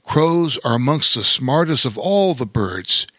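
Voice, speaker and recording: A man voicing a kindly bear king who speaks slowly and gently, explaining things. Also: mid-range voice, animated, dry recording, studio quality. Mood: gentle.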